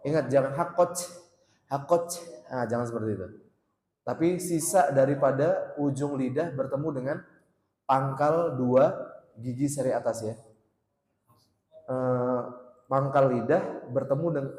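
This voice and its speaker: A man teaching Quran recitation at a mosque study circle, drilling letter sounds by repeating them slowly and loudly. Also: medium pitch. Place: mosque hall. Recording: echoey mosque hall with long reverb.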